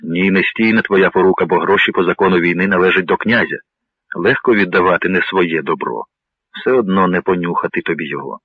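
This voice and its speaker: A proud, bitter Viking warlord held captive, voiced by a male narrator. His deep voice stays low and scornful. The sound is dry and narrow, like a phone line. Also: brisk, slightly rough, no room sound.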